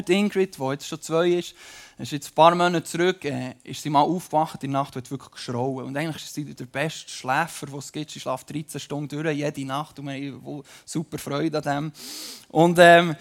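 A young man preaching a conversational sermon from a church stage, telling stories animatedly with many fillers. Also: fairly high pitch. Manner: animated storytelling with frequent fillers.

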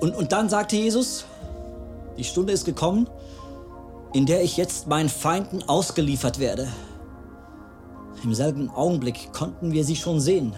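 A man playing a remorseful disciple James over music. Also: a little high. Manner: solemn storytelling voice with sudden loud outbursts. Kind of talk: dramatized biblical narration. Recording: music playing clearly behind.

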